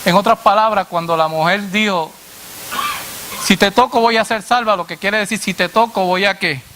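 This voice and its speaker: A man preacher delivering a sermon to a congregation, asking "what?" and answering himself in a lower voice, addressing listeners as brother. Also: normal speed, background noise. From Latin America. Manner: call-and-response questions, dropping low on the answer.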